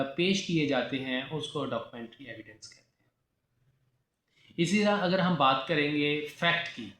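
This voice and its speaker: A Pakistani man with a Pakistani accent gives a didactic law lecture in a slightly high, somewhat bright voice. He mixes Urdu with English terms, repeats key definitions, and asks rhetorical questions, all in an echoey room with faint background noise.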